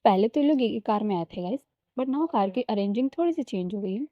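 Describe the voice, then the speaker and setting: A woman's voice: fairly high pitch, expressive, a little fast, no room sound. A woman telling a story in a chatty, casual way, often addressing listeners as guys and mixing in English. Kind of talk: casual spoken story narration. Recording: slightly dull lo-fi recording.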